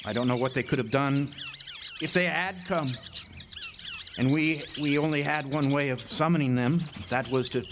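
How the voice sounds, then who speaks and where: On an outdoor amphitheater stage, a man with a natural, mid-range voice narrates in first person as a haunted lighthouse keeper for a radio drama. At a normal pace he sounds urgent and haunted, stammering dramatically, and the noisy live recording carries birdsong.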